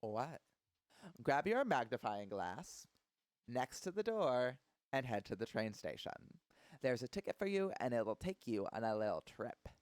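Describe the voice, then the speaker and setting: A man's voice: medium pitch, sing-song, a little slow, no room sound, studio quality. A man doing a bubbly Valley Girl lady boss. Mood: gushing.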